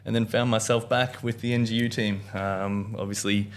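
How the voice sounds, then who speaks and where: Young male guest, low voice, relaxed and easygoing. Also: normal speed. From Australia. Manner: relaxed, laughs easily, lots of "um". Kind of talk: casual podcast interview.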